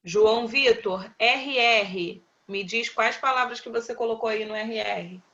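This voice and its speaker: Uma professora brasileira dando aula por videochamada, com voz viva e clara. Ela fala bem devagar e repete cada resposta com paciência. O som da chamada chega abafado. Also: female voice, on the high side, a bit bright, dull audio. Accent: Brazilian Portuguese. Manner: patient, slow, calls on pupils by name and repeats answers. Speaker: primary school teacher. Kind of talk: online class, quizzing pupils.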